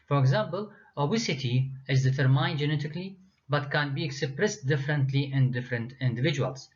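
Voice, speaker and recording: Guy reading lecture slides, hesitant with lots of uhs, muffled lo-fi sound. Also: medium pitch. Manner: reads slides, frequent uh fillers and restarts. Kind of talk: recorded university lecture. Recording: dull lo-fi lecture recording.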